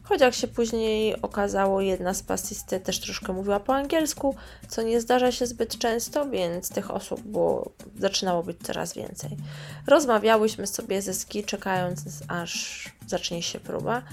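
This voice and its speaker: A woman's voice: medium pitch, normal speed, gravelly. A woman reading her own memoir aloud in a chatty way, with sarcastic asides. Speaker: storyteller.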